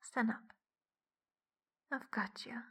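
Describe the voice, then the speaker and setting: A woman giving a whispered audio roleplay in a soft, teasing whisper as the dominant partner. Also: slow pace.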